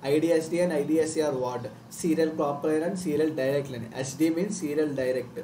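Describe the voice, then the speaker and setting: Man, Telugu Indian accent, mellow slightly high voice, online instructor, repetitive explanations. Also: brisk. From Telugu-speaking South India. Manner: repetitive, checks understanding with tag words. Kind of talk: live tutorial explanation. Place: indoor room, live screen-share stream. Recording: roomy, distant mic, faint noise.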